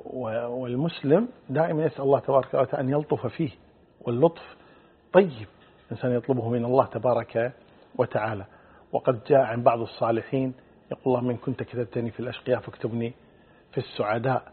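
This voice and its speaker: A middle-aged male Islamic scholar answering religious questions in a measured, explanatory way, quoting hadith. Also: mid-range voice, fairly even intonation, breathy edge. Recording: phone-like narrow band.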